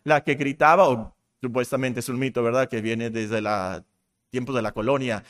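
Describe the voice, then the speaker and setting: A man's voice: medium pitch, fairly even intonation, normal speed, fairly bright tone. A man preaching a sermon with passion, repeating short phrases to drive points home.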